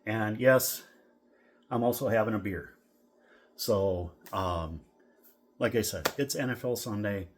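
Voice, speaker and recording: Easygoing low-voiced man from Minnesota. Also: slow pace, pauses often. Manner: rambling, easygoing, with many fillers. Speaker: vlogger. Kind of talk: casual food review vlog.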